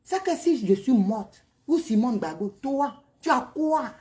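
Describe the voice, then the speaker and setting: A woman in a heated, mocking rant to the camera, swinging from loud outbursts to hushed asides. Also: on the high side, expressive, measured pace.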